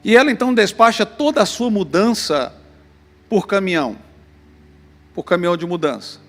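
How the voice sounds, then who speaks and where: A man with a Brazilian Portuguese accent preaching a sermon, telling a story in an animated way to the congregation in a church hall. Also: high voice, normal speed. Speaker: pastor. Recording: long church reverb, faint music.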